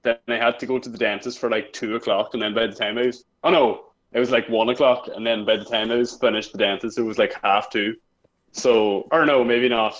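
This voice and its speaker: A man's voice: mid-range voice, fairly even intonation, brisk, a bit bright, lo-fi sound. A young man, chatting casually on a podcast and laughing through rambling school stories. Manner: laughs often while telling stories, rambling. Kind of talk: casual chat.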